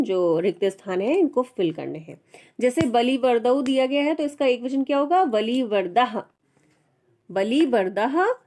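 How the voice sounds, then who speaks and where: A woman teaching a textbook lesson in a slow, measured way. Her voice sits a bit high, and she says each word aloud before she explains it. Patient and steady, like a tutor going step by step.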